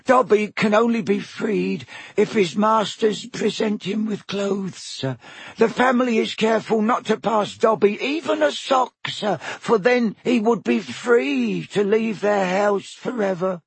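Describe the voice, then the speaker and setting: Squeaky, servile house elf. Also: male voice, a little slow, gravelly, breathy edge, dry recording, full character voice. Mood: anxious. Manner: servile, high-pitched pleading, many "sir"s. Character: timid anxious male house elf servant.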